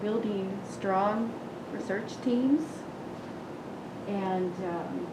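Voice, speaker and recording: A middle-aged woman introduces herself at a workshop and speaks slowly, in a measured, drawn-out way. The room is echoey, and steady noise sits behind her voice. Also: mid-range voice. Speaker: research office staff.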